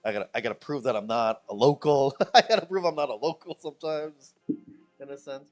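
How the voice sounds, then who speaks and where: His voice is brisk with a darkish tone, set against soft background music. The Chicago-born streamer, speaking in a Midwestern American accent from the Philippines, rambles through jokey, repetitive chat with viewers and mimics people in high voices.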